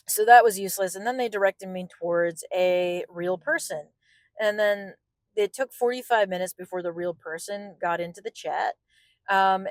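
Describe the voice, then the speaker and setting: A woman delivers a casual vlog rant in a medium-pitched voice. She gripes in an exasperated, sarcastic way, and the sound is close and dry with very little room. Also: dry recording. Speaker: vlogger. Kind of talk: casual spoken rant about a consumer complaint.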